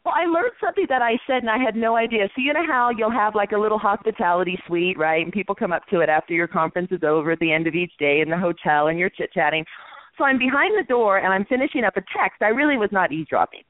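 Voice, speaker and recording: A woman's voice: mid-range voice, fast, no echo. A woman calls in to a radio show and tells stories with an easy, chatty flow, often laughing at herself. Her voice comes through a thin, tinny phone line. The sound is dry. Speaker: guest from an instructors' association. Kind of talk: casual radio chat.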